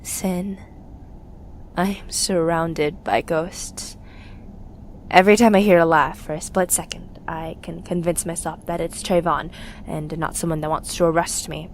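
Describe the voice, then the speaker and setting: For an audio drama, a woman plays a bitter young rebel on the run, haunted by grief, in a halting, intimate confession. Her pitch is fairly low and her intonation fairly even, her mood grieving, with a little hiss or hum in the recording.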